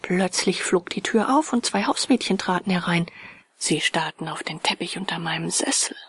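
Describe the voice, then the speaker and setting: A woman reading a ghost story aloud, often half-whispered, slow and hushed. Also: on the low side, lively intonation, breathy edge, no echo. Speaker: audiobook reader. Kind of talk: scripted narration of a ghost story.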